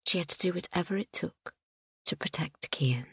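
A woman reading a historical novel aloud as an audiobook narrator, in a measured storytelling manner that softens to a hush in quiet passages. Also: lowish voice, vocal fry, husky, dry recording.

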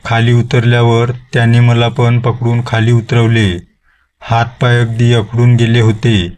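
A man tells a ghost story in the first person, taking his time over every line. His voice stays level and even, with almost no rise or fall, and his pitch sits in an ordinary middle register. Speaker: horror story narrator.

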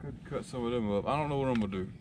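Camping and fishing on a lake at night, a tired fishing vlogger talks at a racing pace in a medium-pitched voice, yet with a sleepy drawl. He chats casually to the camera and teases the fish he hauls in, folksy throughout, over a noisy recording filled with lake ambience.

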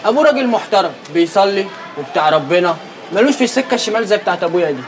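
A man's voice: high-pitched, expressive, racing, some chatter behind. An actor playing an idle young man from the street who talks in Egyptian Arabic slang. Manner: slangy, casual.

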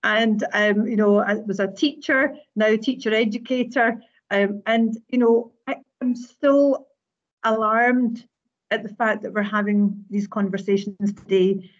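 A woman's voice: mid-range voice, fairly even intonation, unhurried. A woman speaks earnestly on a video call, repeating words as she gathers her thoughts. Her voice comes through a headset with slightly muffled, lo-fi sound. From Scotland. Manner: earnest, laughs easily, repeats words when thinking. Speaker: teacher educator. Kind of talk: webinar panel discussion. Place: home room on a video call.

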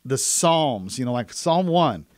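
An earnest man speaking as a guest in a radio studio, explaining faith in a conversational teaching manner. His voice sits in a middle register and sounds close and dry with no room echo, as if he is right at the microphone. He often leads into his points with a quick story. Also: medium pitch, big pitch swings, a little mellow. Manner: earnest, storyteller who laughs easily.

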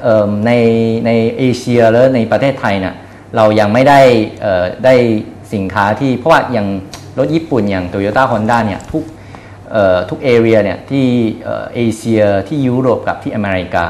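A man in his thirties speaks with a fairly low voice, answering as an interview guest. He is hesitant and breaks his sentences with fillers and repeats. Some room noise sits behind him. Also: darkish tone, reverberant. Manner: hesitant, frequent filler pauses and repeated words. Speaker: company executive being interviewed. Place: small indoor showroom office. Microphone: lapel mic.

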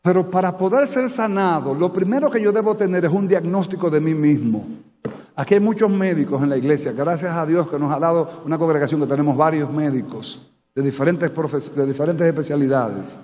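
A Dominican pastor from the Dominican Republic, with a Dominican Spanish accent, preaches a sermon to a live congregation in a church sanctuary and asks them questions. His voice is slightly high, slightly fast and mellow, and the recording has church hall reverb.

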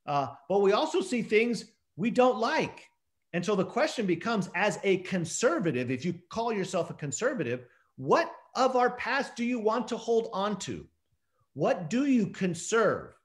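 A man's voice: high-pitched, very animated, normal speed. A man in his fifties with a standard American accent, explaining emphatically as a professor in an interview on a video call. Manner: explanatory, emphatic, asks rhetorical questions. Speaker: professor and author, interview guest. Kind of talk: scholarly discussion in an interview. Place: indoor room, video call.

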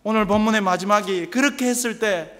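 A man from Busan with a Gyeongsang accent, preaching a sermon as pastor, telling humorous stories with animated mimicry. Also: high-pitched, brisk. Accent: Gyeongsang Korean. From Busan, South Korea. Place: large church sanctuary. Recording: long church reverb.

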